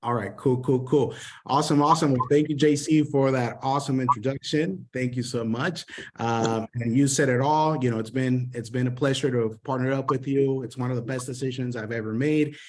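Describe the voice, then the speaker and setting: A man's voice: mid-range voice, steady tone, a little fast, a little mellow, slight background noise. A man from Honduras, a sales mentor, giving an upbeat motivational training over an online call, with many fillers and repeated words.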